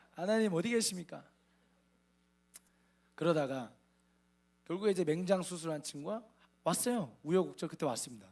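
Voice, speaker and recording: A man's voice: high-pitched, darkish tone. A man in his thirties preaching a sermon as a missionary, telling his story with humor and acting out the dialogue, often laughing. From Korea.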